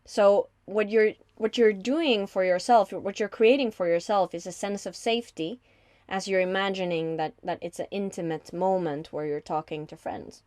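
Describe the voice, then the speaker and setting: A woman who works as a voice-over artist and coach, talking in a warm, reflective way in casual conversation. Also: mid-range voice, steady tone, moderate pace, no room sound. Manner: warm, reflective, laughs easily.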